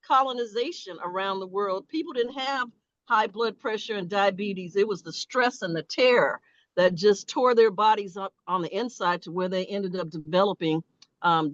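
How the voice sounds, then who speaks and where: A woman calling in on a video call while driving, asking questions in a halting way with many fillers, her audio breaking up. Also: medium pitch, no room sound. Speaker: caller. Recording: dull lo-fi call line.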